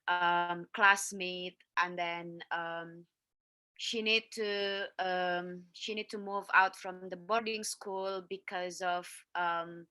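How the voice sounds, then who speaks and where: A woman on an online panel, talking slowly and haltingly with frequent fillers and restarts. Her voice is bright and the sound is dry and close, the way a video call picks it up. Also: mid-range voice, smooth, no echo. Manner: hesitant, many fillers and restarts.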